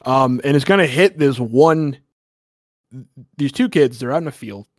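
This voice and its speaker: A man's voice: medium pitch, expressive, a little slow, dry recording, clean studio sound. A man narrating a horror tabletop game as game master, rambling and swearing casually.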